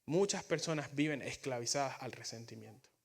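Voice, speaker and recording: A man's voice: medium pitch, brisk, creaky. A male pastor preaching a sermon in Spanish. He is earnest and often repeats words or restarts as he builds his points.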